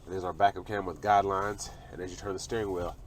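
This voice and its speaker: A man's voice: low voice, fairly even intonation, rapid-fire, a little hiss or hum. A young man, getting over a cold, casually walking around a car and pointing out its features. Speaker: car reviewer. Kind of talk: walkaround car review narration. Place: in and around a parked car outdoors.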